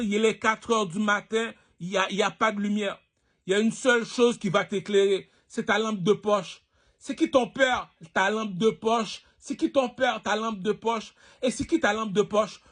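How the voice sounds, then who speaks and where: A man's voice: high-pitched, fairly bright tone. A man from Haiti delivering a rambling, preachy monologue, firing rhetorical questions at his listeners and repeating his lines. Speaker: online personality.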